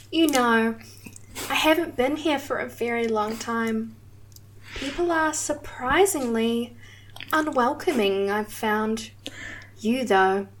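Woman doing a fond, seductive serpent woman for an audio role-play; breathy high voice, unhurried lines. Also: slight background noise. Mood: affectionate. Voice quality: breathy, soft and adoring. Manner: slow, lingering and affectionate. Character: doting seductive female snake-woman monster.

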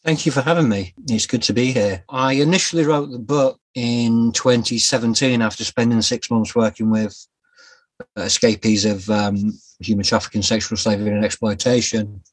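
A man, a guest telling his life story in a podcast interview, reflective and halting with restarts. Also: fairly low pitch, steady tone, husky, no echo. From Yorkshire, England. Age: 40s. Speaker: guest author.

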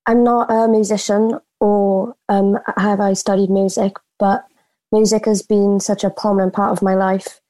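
A woman's voice: medium pitch, flat delivery, moderate pace, warm tone. A woman introducing herself informally in a group discussion. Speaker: marketing assistant in a discussion.

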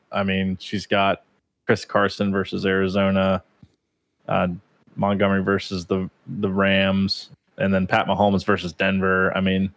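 Deep, flat-voiced man giving matchup picks. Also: dry recording. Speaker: fantasy league member on podcast. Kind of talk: casual chat.

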